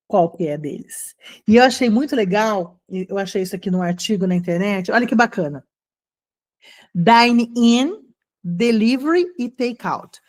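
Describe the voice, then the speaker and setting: Chatty higher-pitched woman teaching. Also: a little mellow. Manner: chatty, encouraging, drawn-out slow model phrases. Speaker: English teacher. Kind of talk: casual online English lesson.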